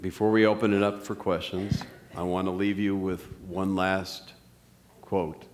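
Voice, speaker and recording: A man's voice: sits low, flat delivery, a little slow. A man giving a public lecture and taking questions from the audience. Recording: crowd murmur and noise in a hall.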